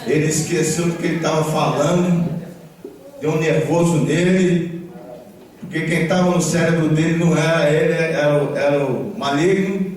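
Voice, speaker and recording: A man preaching a sermon in a church, talking conversationally and telling stories with animated retellings, often checking in with his listeners. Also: a little high, moderate pace. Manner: conversational, repeats tag questions, animated storytelling. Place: church hall. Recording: echoey church hall from far off, background noise.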